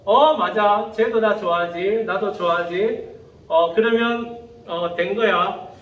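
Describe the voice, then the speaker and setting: A preacher playing a hesitant lovestruck student. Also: male voice, high-pitched, takes it slowly, dull audio, voice pushed down. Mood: dreamy, hesitant. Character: shy lovestruck student content to just believe. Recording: echoey room, distant mic, faint noise.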